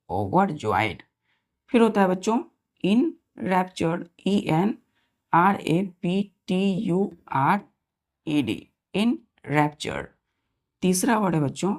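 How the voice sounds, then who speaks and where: A woman teaching a vocabulary lesson, spelling words out letter by letter and often asking the students if it is clear. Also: lowish voice, darkish tone.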